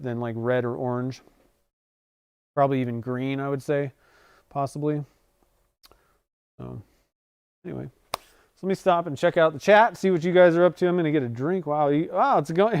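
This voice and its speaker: Rambling through a casual livestream in his home workshop, a man in his forties keeps correcting himself and chuckling. His voice is on the high side, a little mellow with a clean tone, recorded with no room sound and clean studio sound.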